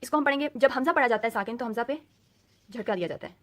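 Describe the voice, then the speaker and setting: A woman teaching Quran reading in a recorded lesson. She explains slowly and patiently, mixes English words into her teaching, and repeats letter sounds over and over for drills. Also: fairly high pitch, a bit bright.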